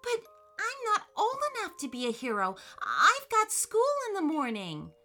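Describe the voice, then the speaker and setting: Woman doing a high eager little boy. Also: unhurried, soft background music, exaggerated voice. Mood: worried. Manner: excited, high and breathless questions. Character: young boy, eager and wide-eyed.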